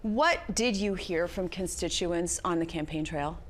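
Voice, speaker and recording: A woman interviewer asking prepared questions in a measured, formal broadcast manner. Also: lowish voice.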